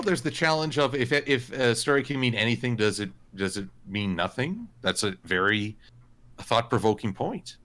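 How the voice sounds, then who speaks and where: Bright-voiced man explaining calmly. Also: mid-range voice. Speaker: panelist. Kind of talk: casual panel discussion.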